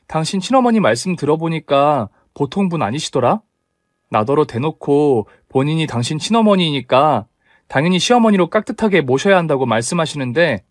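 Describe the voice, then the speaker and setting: A man voicing a sharp, indignant young woman who scolds her fiancé in a storybook tale. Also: medium pitch, no echo, studio quality, close to an everyday voice. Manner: scolding, demanding.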